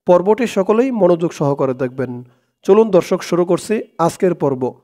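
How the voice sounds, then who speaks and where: A man teaching Quran reading, breaking words into syllables and slowly chanting the verses. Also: high voice, lively intonation, dark tone. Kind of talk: step-by-step recitation lesson.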